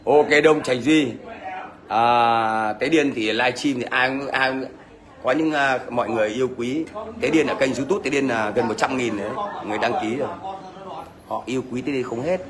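A man's voice: medium pitch, moderate pace, a crowd in the background. A middle-aged man with a Northern Vietnamese accent, ranting at a commenter on a livestream in a blunt, scolding way and often asking "thấy chưa?". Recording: faint background noise.

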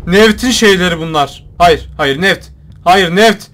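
High, bright-voiced excitable young gamer guy. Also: measured pace, a little hiss or hum. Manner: excitable, shouts and jokes at game characters. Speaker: gaming YouTuber. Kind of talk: let's play commentary.

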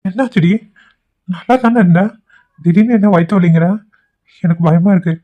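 A performer voicing a gentle, anxious young husband in a cartoon, asking questions and reassuring his wife. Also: mid-range voice, moderate pace, close to an everyday voice. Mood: worried. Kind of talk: cartoon voice acting. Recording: tinny phone-like sound.

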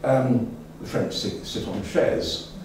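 An older man with a mid-range, darkish voice speaks slowly in an informal lecture to a local society. In the meeting room, before an audience, he rambles chattily with plenty of fillers and restarts, and the mic sits far off, picking up echo and faint room noise.

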